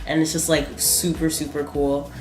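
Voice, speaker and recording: A young woman with a notably low voice chats casually over breakfast, rambling along and leaning on "like" constantly. The room sounds roomy and echoey, with faint music playing behind her. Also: flat delivery, normal speed, a little mellow. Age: young adult. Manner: rambling, heavy use of "like". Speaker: co-host. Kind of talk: casual chat while eating.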